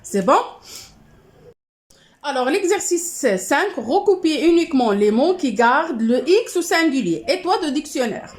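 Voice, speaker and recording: A woman's voice: sits high, sing-song. A woman with a Moroccan accent, a teacher correcting exercises one by one, saying each word and then its rule, and often checking that the class is following. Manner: patient, repeats each word then its rule, asks "c'est bon?"; switches into fast Moroccan Arabic asides. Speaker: primary school teacher.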